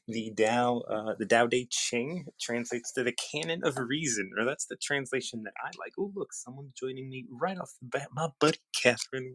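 A man's voice: medium pitch, a bit bright. Reflective man hosting a casual chat. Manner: rambling, reflective, frequent restarts. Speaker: host.

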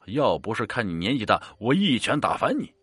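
A man's voice: on the low side, very animated, a little fast, a bit bright, slightly rough, no echo, full character voice. A man voicing a brash, hot-tempered rich male gambler in a spoken ghost story. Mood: indignant. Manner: brash, indignant.

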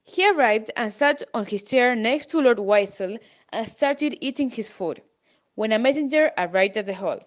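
A woman's voice: a little high, animated, moderate pace. A woman reading a storybook aloud, plainly and with small slips.

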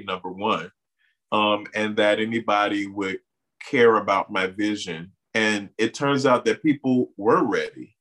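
A lowish voice comes through a rough recording from this interview guest, a man from the Bahamas raised in Miami who works as an artist and community organizer. He tells his stories in an animated way, saying "you know" again and again.

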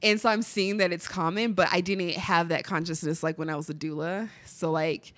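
A woman's voice: lowish voice, fairly even intonation, moderate pace, fairly bright tone, dry recording. A young adult woman with a stuffy nose, chatting casually and candidly as a podcast co-host, often giggling and swearing. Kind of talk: casual personal chat.

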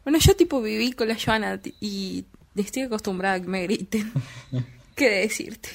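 A woman's voice: mid-range voice, lively intonation, normal speed, gravelly. A young woman, chatting casually, blunt and self-deprecating, swearing freely. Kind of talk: casual chat.

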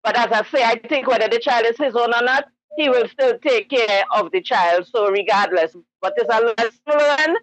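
A woman's voice: a little high, normal speed, no echo, rough recording. A woman calling in to a talk show, earnestly giving her sympathetic view. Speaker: caller. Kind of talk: call-in radio commentary.

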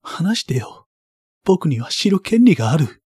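Man reading as a pushy, distraught boy, high and strained. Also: very animated, measured pace, darkish tone, breathy edge, no echo, clean studio sound, heavily acted. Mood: pleading. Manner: pleading and pushy, raised voice. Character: young boy, upset, insistent, demanding answers.

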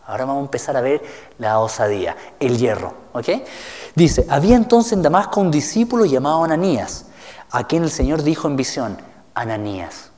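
A man's voice: mid-range voice, sing-song, fairly quick, mellow. A male pastor giving a teaching sermon, reading scripture aloud and asking the listeners questions. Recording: reverberant hall.

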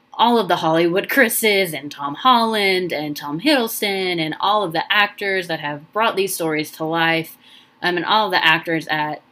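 Low-voiced young woman hosting a podcast. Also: fairly bright tone. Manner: rambling, heartfelt, many ums and restarts. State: emotional, near tears. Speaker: podcast host. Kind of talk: casual solo podcast talk.

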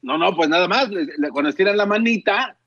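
A man's voice: high-pitched, animated, fairly quick, fairly bright tone, dry recording, lo-fi sound. A man on a comedy radio show, rambling through a story.

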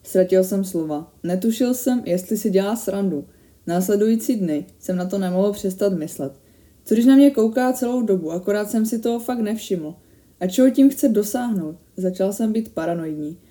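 A woman reading a first-person horror story aloud in a steady, measured way that grows tense at the scary moments. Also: medium pitch.

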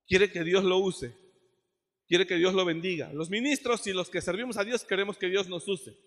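A man preaching a sermon as pastor, acting out quotes and rising to shouted peaks. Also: high-pitched, normal speed. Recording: long hall reverb.

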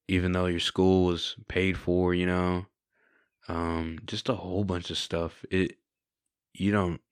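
In a clean studio recording with no echo, a twenty-something man shares his testimony in a low, clean-toned voice. He tells it like a casual story, candid and reflective, frequently adding "you know" and "right?"

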